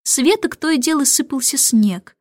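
A woman reading a storybook audiobook, expressive and lively, her voice sitting a little high. The recording is dry and close with no room sound. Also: moderate pace, no room sound. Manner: expressive, lively read-aloud. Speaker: narrator.

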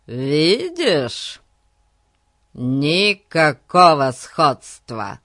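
A man's voice: fairly high pitch, drawn-out words, a bit bright, no room sound, clean studio sound. A man reading the part of a grumpy, self-important village policeman who talks in an indignant, blustering way.

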